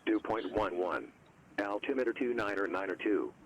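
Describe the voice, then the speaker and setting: A man reading an airport weather broadcast over the radio in a steady, clipped recitation of figures. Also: lowish voice, moderate pace, over a noisy crowd. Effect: recorded airport radio broadcast.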